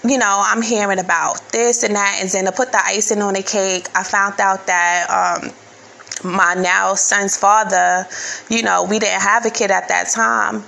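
A woman's voice: mid-range voice, vocal fry, bright, forceful tone. A woman in her thirties telling a personal story in a candid, casual, profane way, full of fillers.

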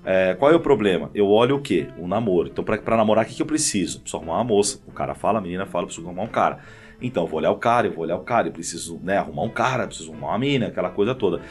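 Animated man telling stories. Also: rapid-fire, soft background music. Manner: animated storyteller, jumps high when telling a funny story. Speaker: pastor and guest. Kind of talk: casual conversation with anecdotes.

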